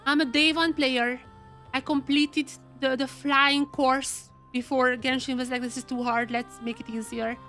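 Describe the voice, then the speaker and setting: Faint music sits behind a female game streamer whose high, level voice has a sharp edge. She takes her time, thinking aloud to her chat and repeating herself. Still recovering from a cold, she sounds slightly worn out.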